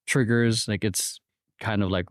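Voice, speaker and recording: In a casual reflective interview, a man from the Philippines in his thirties thinks aloud with frequent restarts and hesitation. His fairly low voice has fairly even intonation and a measured pace, in a dry, studio-quality recording.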